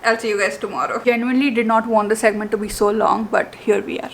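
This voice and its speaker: A woman's voice: mid-range voice, little pitch movement, quick pace, creaky, very noisy. A woman, gushing and emotional as she unboxes gifts in a casual vlog. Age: 20s. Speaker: book vlogger.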